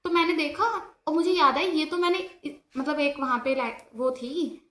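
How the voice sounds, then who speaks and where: A young woman casually recounting her own ghost experience, conversational and halting, with frequent restarts. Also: sits high, steady tone, fairly bright tone. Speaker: storyteller. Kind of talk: casual personal ghost story.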